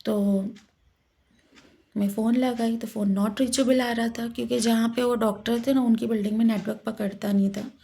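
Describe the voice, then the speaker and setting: A woman telling a personal story with emotion, halting and repeating herself. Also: fairly high pitch, fairly even intonation, gravelly, warm tone. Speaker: vlogger.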